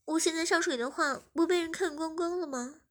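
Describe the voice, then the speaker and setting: A woman's voice: very high-pitched, brisk, fairly bright tone, voice pushed up. A woman voicing a shy young wife who gets flustered and pleads easily. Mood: upset pleading.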